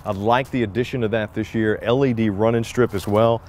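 A man's voice: fairly low pitch, fairly even intonation, a little fast, background noise. A man in his forties giving an upbeat, jokey walkthrough tour of a travel trailer, recorded on a nearby camera inside and around the trailer. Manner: upbeat, jokey salesman patter. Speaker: RV reviewer.

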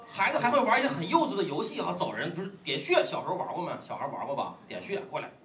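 A man's voice: high-pitched, sing-song, quick pace, a bit bright. A man performing a stand-up comedy routine, addressing the room. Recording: echoey club, far from mic, faint noise.

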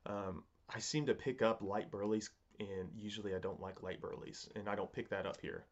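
A man in his thirties giving a casual, unscripted review in a halting, musing way, often rephrasing himself, recorded at a desk in a home study. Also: lowish voice, steady tone, dull audio. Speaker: pipe tobacco reviewer.

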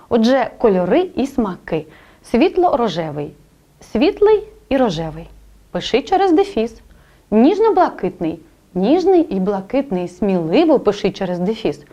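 A woman teaching a spelling lesson, explaining rules clearly and speaking directly to the student. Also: a little high, mellow, lo-fi sound.

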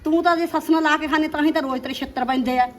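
A woman's voice: steady tone, slight background noise, lightly acted. A woman with a Punjabi accent playing a nagging, scolding village mother in a family drama. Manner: scolding, complaining, quick and shrill. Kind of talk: amateur village drama acting.

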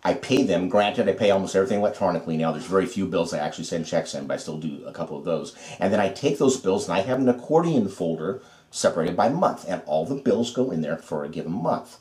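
A man's voice: low voice, animated, fast, a little mellow, echoey room. A man co-hosting a podcast, giving folksy, repetitive advice in casual chat. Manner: folksy, advice-giving, repeats himself with restarts. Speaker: podcast co-host.

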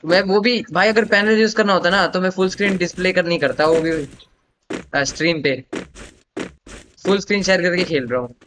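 A man's voice: sits high, brisk, pauses often, noisy background. A young man livestreaming a shooter game, chatting and joking with teammates, switching between casual talk and English slang. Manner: joking, teasing banter with teammates, mixing in English phrases. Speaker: livestreaming gamer. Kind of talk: casual live gameplay commentary. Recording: game gunfire loud under voice. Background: game gunshots and machine-gun fire.

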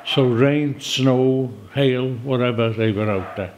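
A man's voice: mid-range voice, slow pace, a little hiss or hum. An older man recounting past events vividly in an interview. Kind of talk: storytelling interview.

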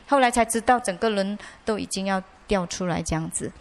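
A woman with a Malaysian Mandarin accent, a Buddhist nun giving a dharma lecture, telling personal stories in a lively way with many chatty sentence-final particles. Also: medium pitch, a little fast. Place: monastery lecture hall.

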